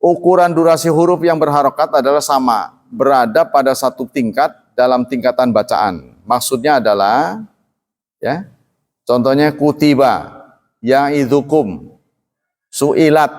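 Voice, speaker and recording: An older man teaching a recitation class, reading definitions aloud and slowly drawing out example words. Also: medium pitch, animated, a little mellow. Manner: slow drawn-out demonstrations of Arabic recitation; reads definitions aloud, then explains casually. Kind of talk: classroom tajwid lesson. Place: mosque or study hall. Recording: reverberant hall.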